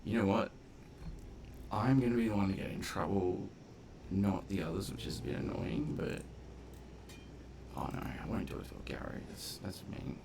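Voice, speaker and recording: Low and creaky, a man mutters playful reactions to himself as he comments on gameplay at a normal speed, leaving long pauses. He is a game streamer and commentator, and there is background noise.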